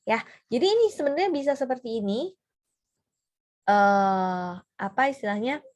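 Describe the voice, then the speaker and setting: A woman's voice: fairly high pitch, lively intonation, moderate pace, a little mellow. A woman giving a casual seminar talk on personality types, chatty and full of fillers and tag questions. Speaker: trainer.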